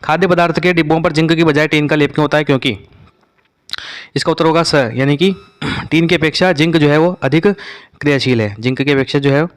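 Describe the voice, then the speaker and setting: A male teacher works briskly through exam revision questions. His voice is clear and smooth, and he quizzes his listeners, then repeats each answer to drill it in. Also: fairly high pitch, fairly even intonation.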